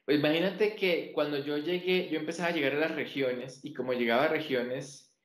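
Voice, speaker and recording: A man from Colombia with a neutral Colombian accent, talking as an interview guest and telling animated stories with many restarts. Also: on the high side, a little fast, roomy sound. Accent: neutral Colombian Spanish. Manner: animated storyteller with many repeated words and restarts. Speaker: interview guest, teacher trainer. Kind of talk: casual interview chat.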